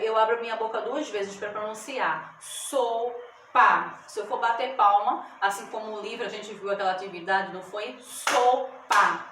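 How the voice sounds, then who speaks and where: A woman teacher giving a lesson to children, stretching out words syllable by syllable and often checking that they follow. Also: fairly high pitch. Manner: slow, drawn-out syllables, checks in with "tá bom?". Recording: echoey room, mic at a distance, background noise.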